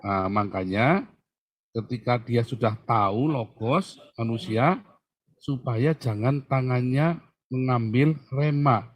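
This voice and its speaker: A man's voice: medium pitch, slow pace. A male pastor answering a Bible question, teaching through emphatic questions he puts to his listener.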